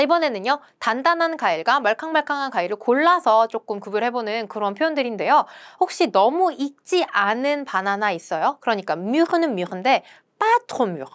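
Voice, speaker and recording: A woman teaching French travel phrases, repeating each example slowly and clearly, then explaining in a brisk, lively way. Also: fairly high pitch. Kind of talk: language lesson with slow repeated example phrases.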